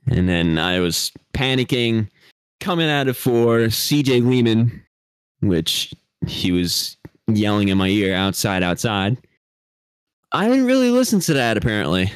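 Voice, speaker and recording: A man's voice: on the low side, smooth, no room sound. A young man co-hosting a casual podcast, rambling and laughing at himself as he talks. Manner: giggly, rambling, self-deprecating. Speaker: podcast co-host, driver.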